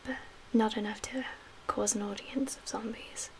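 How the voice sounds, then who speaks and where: In a soft-spoken ASMR roleplay, a woman with a medium-pitched voice lightly acts as a calm, guarded survivor leader. She half-whispers in a measured, reassuring way with pauses, and background noise is audible.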